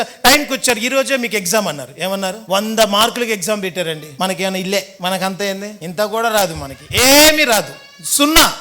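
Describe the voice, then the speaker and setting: Fast, bright-voiced pastor telling his story. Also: sits high. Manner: animated storytelling, acting out quoted voices. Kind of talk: sermon testimony.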